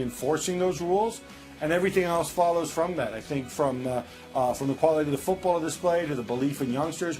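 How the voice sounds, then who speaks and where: A man from Italy giving thoughtful, measured football analysis in a casual panel chat. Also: a little high, a little mellow. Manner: thoughtful, measured, with many fillers. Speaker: football pundit.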